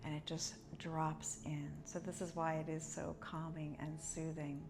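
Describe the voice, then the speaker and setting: A woman's voice: low-pitched, level tone, a little slow. A woman teaching yoga breathing, guiding step by step in a conversational, explanatory way. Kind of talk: instructional breathing lesson, guiding along.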